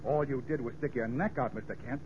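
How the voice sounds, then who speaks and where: A dull vintage radio recording with clear noise. A man plays a skeptical American crimefighter, blunt and questioning, in a medium-pitched male voice for a radio drama. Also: a little fast, natural voice. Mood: puzzled, doubting. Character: puzzled, skeptical male crimefighting partner of the hero. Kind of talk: 1940s radio drama acting.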